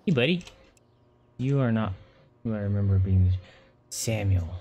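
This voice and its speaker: A man's voice: on the low side, unhurried, mellow. A young man giving casual gameplay commentary as a streamer, playfully shifting between baby talk and muttering. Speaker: game streamer.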